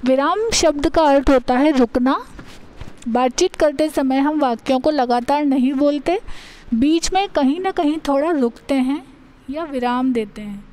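High-voiced woman teaching a lesson. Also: darkish tone. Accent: Indian. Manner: slow, explanatory, reads out examples. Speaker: school teacher. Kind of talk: Hindi grammar lesson.

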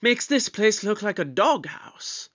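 A man's voice: high voice, big pitch swings, a little slow, exaggerated voice. A man voicing the Doctor, an ancient male time traveller, speaking in an airy, condescending, lecturing way. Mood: breezy. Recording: loud music bed under voice.

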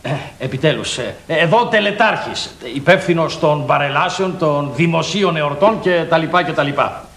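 A pompous ceremonies official. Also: male voice, a little high, a bit bright. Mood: officious. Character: pompous male official, self-important. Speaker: master of ceremonies character on the phone. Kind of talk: 1980s children's TV acting. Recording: roomy old TV recording with faint hiss.

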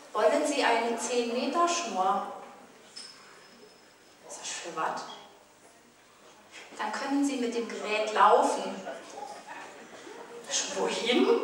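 A woman's voice: a little high, a bit bright. A woman with a Saarland German accent telling a chatty carnival comedy monologue, acting out dialogue on a stage. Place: large carnival hall with audience. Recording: distant, echoey hall with crowd.

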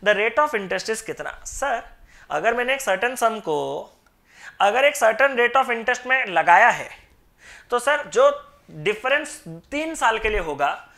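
A woman's voice: a little high, very animated, takes it slowly, a bit bright. A woman teaching an exam-prep math lesson, talking through each step by asking and answering her own questions. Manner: talks through steps in mock dialogue, asking and answering; mixes English terms into explanation.

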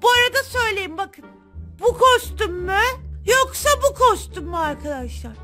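A woman hosting her gaming channel, giving chatty, excitable gameplay commentary straight to her viewers. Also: very high voice, moderate pace, soft background music.

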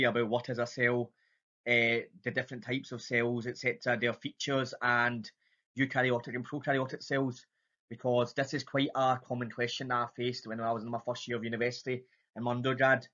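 Male lecturer, broad Scottish accent, mid-pitched, informal and halting delivery, slightly muffled lo-fi sound. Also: fairly bright tone. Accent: strong Scottish. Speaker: biology lecturer. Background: voice-over for slides.

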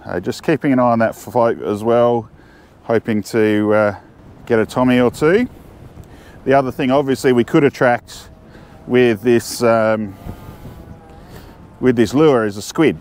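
A middle-aged Australian fishing vlogger talks casually to the camera while fishing from a windy jetty outdoors. His medium-pitched voice is a little mellow and a little slow, with frequent pauses as he thinks aloud and restarts sentences.

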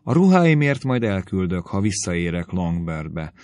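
A man voicing a giddy, reckless teenage girl in an audiobook, reading slowly and teasingly. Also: low-pitched, sing-song, darkish tone, no room sound, clean studio sound.

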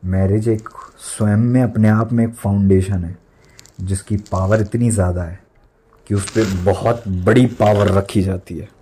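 A man's voice: on the low side, fairly even intonation, unhurried, warm tone, slightly rough. A young man in his twenties preaching an emphatic sermon as a pastor, mixing in English words and repeating lines for stress.

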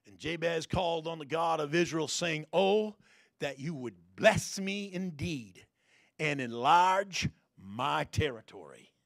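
A man preaching a folksy sermon, repeating phrases and sometimes bursting into loud shouted prayers. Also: a little high, animated, slow, vocal fry, no room sound, clean studio sound.

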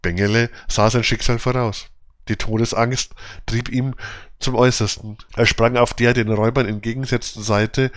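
Guy reading an audiobook storybook, steady mid voice, dry close recording. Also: medium pitch, moderate pace, no room sound. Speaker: audiobook narrator. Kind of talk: scripted storybook narration.

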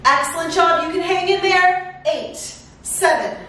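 A middle-aged woman coaching a workout as an energetic, encouraging aerobics instructor, exerting herself as she calls out cues and countdowns. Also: very high voice, unhurried. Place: living room at home, indoors. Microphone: far camera. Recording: echoey room, far microphone, faint noise.

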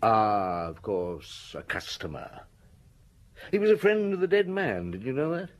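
An actor playing a dry, sardonic police chief inspector in a radio drama, questioning in a measured, ironic way. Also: male voice, lowish voice, huge pitch swings.

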